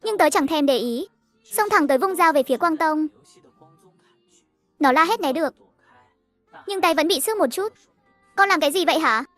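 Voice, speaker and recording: A woman narrating a cartoon story in a steady, even storytelling voice, over faint music. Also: high voice, moderate pace, pauses often.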